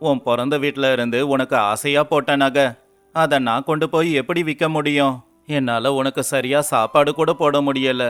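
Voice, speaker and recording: A man voicing a poor, humble fisherman in an animated storybook, speaking in an earnest, pleading way. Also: mid-range voice, normal speed, clean tone, faint music behind, natural voice. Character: poor, humble young fisherman, despairing husband.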